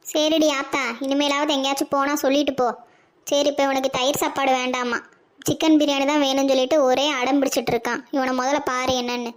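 A woman's voice: high-pitched, flat delivery, quick pace, close to an everyday voice. A woman voicing a bossy old grandmother in a cartoon, nagging. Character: scolding old village grandmother. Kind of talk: cartoon voice acting.

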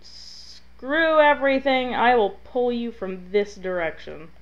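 A woman commentating her own gameplay, venting and scolding the game, drifting between muttering and yelling. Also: on the high side, lively intonation, takes it slowly, highs cut off. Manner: exasperated, talks to the game, swings from muttering to yelling. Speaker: gaming video host. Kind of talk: let's play commentary.

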